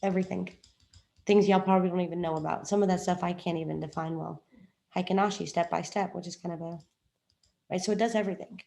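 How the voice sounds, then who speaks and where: Chatty woman, slightly low voice. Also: fairly even intonation, quick pace, creaky, warm tone. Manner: chatty, rambling, self-joking. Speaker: trading coach. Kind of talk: casual screen-share explanation.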